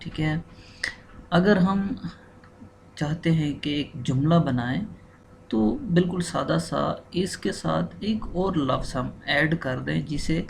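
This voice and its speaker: A male teacher, a native Urdu speaker, patiently explaining a language lesson and repeating each word slowly. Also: a little high, gravelly, slight background noise. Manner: patient, repeats and spells out words.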